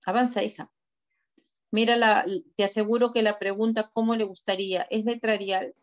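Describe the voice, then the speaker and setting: A woman's voice: mid-range voice, little pitch movement, moderate pace. Lady teacher correcting students on a video call, firm and to the point, kinda muffled lo-fi sound. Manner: direct, corrective, gives step-by-step instructions. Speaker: teacher reviewing student work. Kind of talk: online class feedback. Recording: dull lo-fi video call audio.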